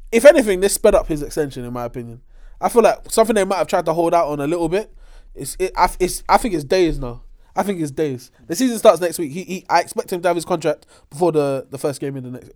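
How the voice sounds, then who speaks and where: A young man with a London accent in a casual, animated sports debate, slangy and emphatic. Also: on the high side, fast talker. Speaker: sports talk show co-host. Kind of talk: casual basketball debate among friends.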